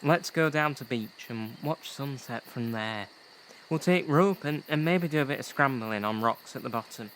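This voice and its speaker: A young actor playing a sensible, good-natured teenage boy in an audio play, steady and reasonable. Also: medium pitch, normal speed, a little hiss or hum, lightly acted. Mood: easygoing. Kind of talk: youth theatre audio play.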